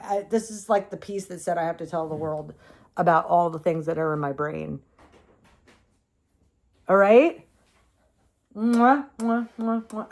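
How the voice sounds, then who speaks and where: A woman's voice: lowish voice, a little mellow. Gushing, exclamatory woman vlogger. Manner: gushing and exclamatory, with frequent swearing; addresses viewers directly and calls the crystals she or baby. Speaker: crystal shop owner and vlogger. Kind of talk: casual show-and-tell vlog.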